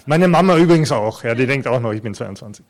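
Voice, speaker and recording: A man's voice: medium pitch, lively intonation, fast. A man in his fifties preaching an earnest, conversational sermon to a congregation, with touches of light humor. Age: 50s. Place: church hall before a congregation.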